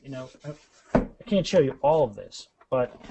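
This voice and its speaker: In this lo-fi clip with background noise, a man speaks at a medium pitch, expressive and a little slow, with some vocal fry. He's a guest author chatting casually and animatedly about his books in an interview, emphatic and prone to repeating words as he explains.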